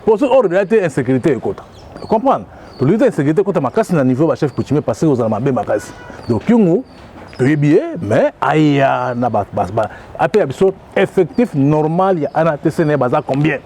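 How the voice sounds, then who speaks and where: A man's voice: a little high, big pitch swings, fast talker, mellow, slight background noise. A man who leads a community of customary chiefs answers interview questions, speaking emphatically and checking often that he is understood. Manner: emphatic, often repeats "vous comprenez?". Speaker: president of a traditional chiefs' community.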